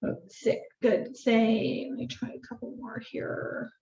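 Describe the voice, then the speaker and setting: A woman leads a one-on-one phonics lesson with short, patient prompts. Her voice sits a little high. The recording is roomy and dull. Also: monotone, a little slow, darkish tone. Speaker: reading tutor.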